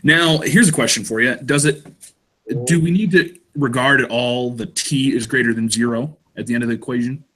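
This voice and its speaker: A man's voice: mid-range voice, normal speed, a bit bright. A man in a student study group, reading out his math answers step by step in casual chat. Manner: talks through math steps aloud.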